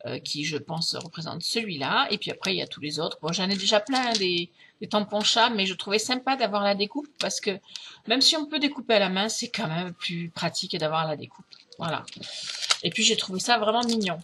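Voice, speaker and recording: A woman's voice: mid-range voice, animated, fairly quick, bright, forceful tone, slight background noise. A middle-aged woman from France chatting casually through a craft haul, hesitant, with many fillers and restarts. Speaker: craft vlogger.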